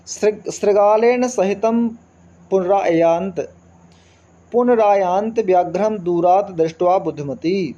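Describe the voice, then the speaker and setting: A man's voice: high-pitched, mellow, lo-fi sound. A man teaching a Sanskrit lesson, reading verses and explaining them word by word, asking questions as he goes. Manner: reads verses slowly then explains word by word, asks rhetorical questions. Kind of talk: line-by-line text explanation lesson.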